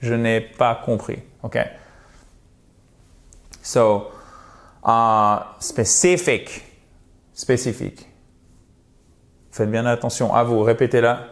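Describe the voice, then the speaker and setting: Slow-talking friendly French pronunciation teacher man. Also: mid-range voice, little pitch movement. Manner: patient, models words slowly and repeats them; friendly, lots of checking "ok?". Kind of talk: online language lesson.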